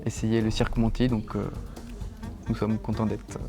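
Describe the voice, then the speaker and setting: A man's voice: lowish voice, completely flat delivery, moderate pace. A young man from France, a circus base speaking easily and hesitantly in an interview. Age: young adult. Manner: easygoing, hesitant with fillers. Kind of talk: interview testimony. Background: guitar music.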